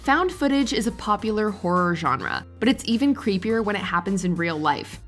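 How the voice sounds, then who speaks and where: A woman reading a scripted countdown narration in an even, measured way. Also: mid-range voice, faint music behind.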